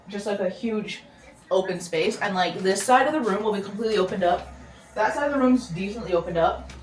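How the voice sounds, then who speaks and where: A young woman talks to her camera in a relaxed, rambling way. She chats at a middling pitch, cutting herself off and circling back as she thinks aloud. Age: young adult. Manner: chatty, rambling, self-interrupting. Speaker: vlogger. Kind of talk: casual vlog chat. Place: home bedroom, indoors.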